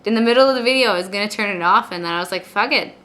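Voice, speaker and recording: A woman chatting casually and confessionally in a video blog, rambling and repeating words, with soft R sounds that lean toward W. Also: medium pitch, very fast. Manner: rambling, repeats words and phrases before finishing. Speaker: video blogger. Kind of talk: casual confessional chat to camera. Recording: clear background noise.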